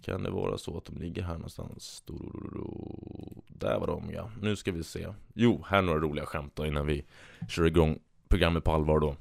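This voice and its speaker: A man's voice: extremely low pitch, little pitch movement, vocal fry, darkish tone, no room sound, studio quality. A man hosting a solo podcast, chatting casually and reading out jokes with a rambling, self-amused manner. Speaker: podcast host.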